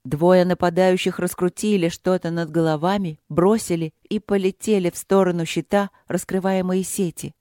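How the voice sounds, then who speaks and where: A narrator giving a steady, measured audiobook reading from a script. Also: mid-range voice, no echo, clean studio sound.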